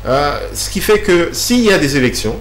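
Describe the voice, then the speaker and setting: This interview guest has a fairly high, very animated voice and a moderate pace. His long, patient answers are halting, packed with fillers, restarts and repetitions, and the recording has echo and a faint hum.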